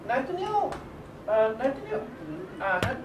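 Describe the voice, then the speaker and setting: Speaking in a high, sing-song voice with a Singaporean English accent, this workshop leader introduces his team in a casual talk to teachers. He halts often, restarts, and keeps asking "okay?" The mic sits far from him in an echoey room with background noise.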